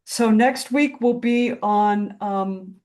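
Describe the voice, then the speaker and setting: A woman facilitating a spiritual discussion group over a video call, speaking in a slow, reflective, contemplative way. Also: medium pitch, darkish tone.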